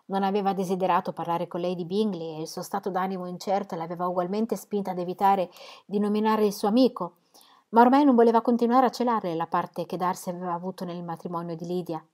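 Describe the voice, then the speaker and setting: Woman, audiobook reader, scripted narration, calm, measured. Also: fairly low pitch. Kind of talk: scripted narration of a classic novel.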